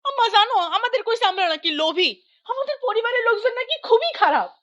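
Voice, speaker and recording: An actress playing a spiteful young sister-in-law who complains dramatically. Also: female voice, high voice, lively intonation, fairly quick, bright, forceful tone, dry recording, lo-fi sound, full character voice. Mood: outraged. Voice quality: whiny, dramatic.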